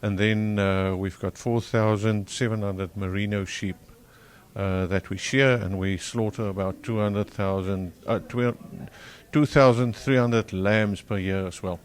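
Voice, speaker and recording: A man with a broad South African accent answering interview questions as a farmer, often halting and correcting himself. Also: fairly low pitch, steady tone.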